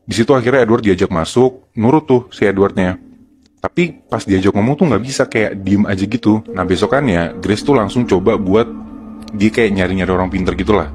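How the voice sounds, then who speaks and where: A man's voice: fairly low pitch, a little fast, music in the background. A man with a Jakarta accent telling a horror story to friends in casual, colloquial steps. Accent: Jakarta Indonesian. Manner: colloquial, step-by-step narration. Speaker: podcast storyteller.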